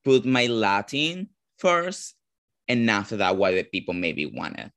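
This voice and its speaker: A man from Venezuela with a Venezuelan Spanish accent, a drag performer answering interview questions casually, often pausing to search for words. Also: lowish voice, big pitch swings, fairly bright tone. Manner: searching for words, frequent "like" fillers.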